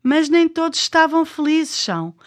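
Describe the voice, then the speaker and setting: A woman with a European Portuguese accent and a high voice co-hosts a children's programme. She delivers scripted, conversational storytelling with an inquisitive, expressive manner. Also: moderate pace.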